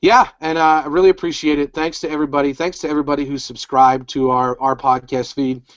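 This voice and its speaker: A man's voice: fairly high pitch, level tone, fast, no echo. A man co-hosting a casual recap podcast, talking in a rambling, upbeat way full of restarts. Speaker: podcast co-host. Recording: dull, dry home recording.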